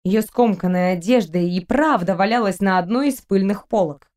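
A woman narrating a novel as an audiobook reader in an even, measured way. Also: medium pitch. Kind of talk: scripted narration.

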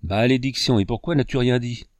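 A man's voice: medium pitch, fairly quick, darkish tone, dry recording, studio quality, natural voice. A man doing a flustered, lost frontier guide. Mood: agitated.

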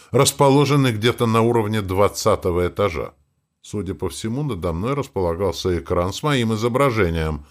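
A male audiobook narrator with a low voice that rises and falls widely. He reads first-person prose in an expressive storytelling manner.

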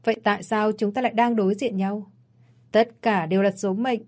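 Cocky bossy rich guy in glasses done by a woman, mellow, mocking. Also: medium pitch, fairly even intonation, fairly quick, natural voice. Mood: cold, mocking. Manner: mocking and domineering.

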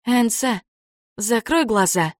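A woman voicing a gentle, dreamy young woman guide, speaking softly and earnestly in an audiobook. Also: a little high, expressive, takes it slowly, dry recording, clean studio sound, voice pushed up.

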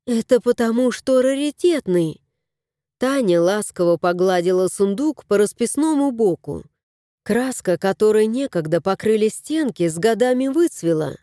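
A woman narrating an audiobook in an expressive storytelling voice on a close mic. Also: mid-range voice, no room sound.

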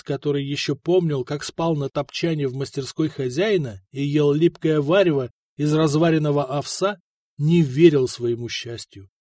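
A man narrating an audiobook in an even storytelling manner with a light ironic touch, recorded close to the mic. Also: a little high, no room sound. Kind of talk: scripted narration.

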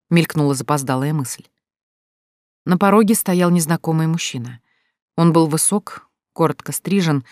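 An audiobook narrator reading a novel chapter in a steady, even manner. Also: mid-range voice, no room sound, clean studio sound. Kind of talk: scripted narration.

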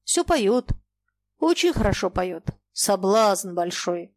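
A woman's voice: medium pitch, big pitch swings, slow pace, no room sound. Woman doing a humble, guilty river captain. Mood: hushed. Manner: deferential, plodding, apologetic common speech.

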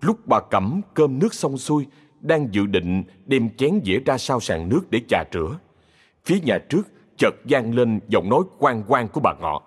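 A man narrating a ghost story in a measured, scripted storytelling manner. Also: medium pitch, sing-song, breathy edge. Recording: long reverb.

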